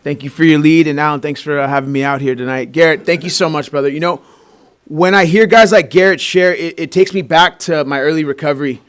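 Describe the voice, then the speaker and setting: A man's voice: a little high, fairly quick, clean tone. A man from Peru, raised in Southern California, giving a heartfelt personal recovery share as the main speaker at a meeting in a school room, talking loosely with fillers and restarts.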